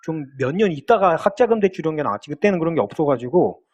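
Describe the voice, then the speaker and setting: A man's voice: on the high side, expressive, fast, a little mellow, dull audio. A male pastor in his thirties preaching a sermon, retelling a television drama scene as a story. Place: church sanctuary.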